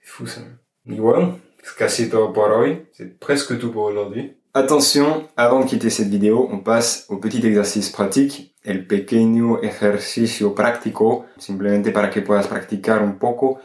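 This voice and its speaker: A man with a fairly low voice gives a patient Spanish lesson to camera, talking in French and spelling words out letter by letter. The sound carries a noticeable room echo. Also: steady tone, moderate pace, darkish tone. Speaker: Spanish teacher. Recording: echoey room.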